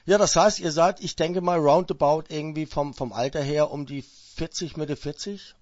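A man's voice: fairly high pitch, steady tone, normal speed, darkish tone, dry recording, lo-fi sound. A man in his fifties hosting a casual radio interview, chatty and joking, with many fillers and restarts. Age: 50s.

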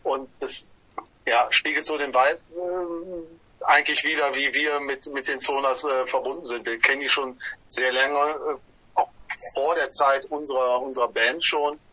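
Bright-voiced male musician, filler-heavy. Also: medium pitch, steady tone, normal speed, no echo, lo-fi sound. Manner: enthusiastic, many filler sounds. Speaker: band musician guest. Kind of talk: casual radio interview.

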